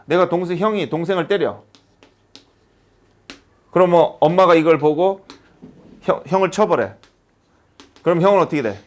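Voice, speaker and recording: In a classroom, a male high school English teacher leads a lesson, his voice pitched on the high side. He speaks at a moderate pace with long pauses, animatedly throwing out a steady stream of rhetorical questions.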